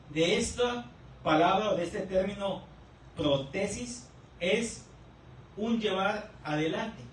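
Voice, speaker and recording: A male pastor preaching a teaching sermon, who keeps checking in with the congregation and repeats key words slowly. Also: sits high, fairly bright tone. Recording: echoey room, distant mic, faint noise.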